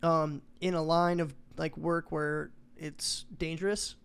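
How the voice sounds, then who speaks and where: A man's voice: a little high, little pitch movement, slow, gravelly, clear, resonant tone. A man in his twenties hosting a podcast, asking questions in an easygoing, casual way. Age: 20s. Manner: easygoing, asks questions, laughs along. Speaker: podcast host. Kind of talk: casual chat.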